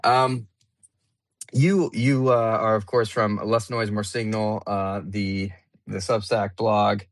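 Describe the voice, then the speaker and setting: A low-pitched man hosts a live audio panel in a loose, chatty way, often restarting his sentences. The sound is dry and close, with no room around it. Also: takes it slowly, no echo. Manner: relaxed, chatty, many fillers and restarts. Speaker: host. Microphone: remote audio call.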